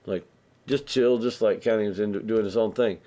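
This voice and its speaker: A man with a lowish voice tells a story in a live stream. He talks in a relaxed, meandering way, backtracking often and acting out the lines of other people. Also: fairly quick. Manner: rambling, loose, with many restarts and acted-out dialogue. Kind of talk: casual storytelling.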